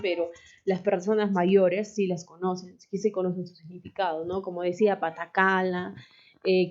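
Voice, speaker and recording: A woman teacher with a lowish, warm voice patiently explains a lesson, checking in with the class through frequent tag questions, often adding "¿no?". The recording sounds dull and lo-fi.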